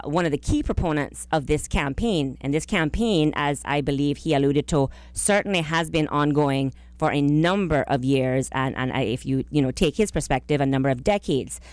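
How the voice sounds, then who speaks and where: A woman government minister appears as a guest on a political radio interview in a small studio, speaking formally and carefully with halting phrasing. Her deep, darkish voice is caught close on a boom-arm broadcast microphone, with no room sound.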